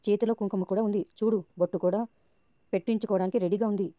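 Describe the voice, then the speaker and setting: A woman's voice: medium pitch, steady tone, fast, warm tone, no echo, highs cut off, lightly acted. A woman narrator reading the lines of a scheming, sarcastic young woman. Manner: sarcastic and goading.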